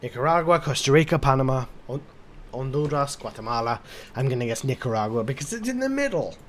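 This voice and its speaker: A man's voice: mid-range voice, very animated, fast talker, slight background noise. A drunk man giving casual, rambling commentary on a game, swearing and talking to himself. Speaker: gaming commentator.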